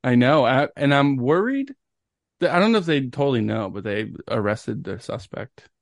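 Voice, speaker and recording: Young guy gushing about a song on a podcast, dry close sound, mid pitch. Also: animated, moderate pace, vocal fry, no room sound. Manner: enthusiastic, storytelling, swears casually. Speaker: podcast co-host. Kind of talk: casual chat.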